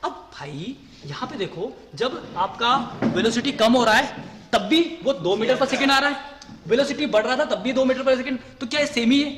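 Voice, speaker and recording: Male physics teacher, high voice, classroom lecture style, long room reverb. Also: lively intonation, normal speed, fairly bright tone. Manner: repeats questions and answers them himself, says "ठीक है" often.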